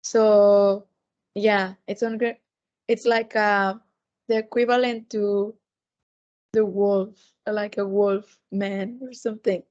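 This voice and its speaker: A woman chatting casually as a podcast co-host, with a thick, sore-throat voice and a halting delivery that often repeats words. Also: mid-range voice, flat delivery, darkish tone, lo-fi sound. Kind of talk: casual chat.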